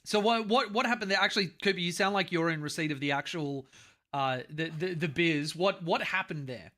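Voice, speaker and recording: A man with an Australian accent hosting a casual gaming podcast over a call, animated and swearing casually. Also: on the high side, a little fast. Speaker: podcast host.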